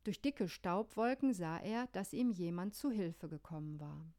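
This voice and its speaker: A woman pastor giving a radio devotional sermon, calm and measured, telling a story. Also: lowish voice.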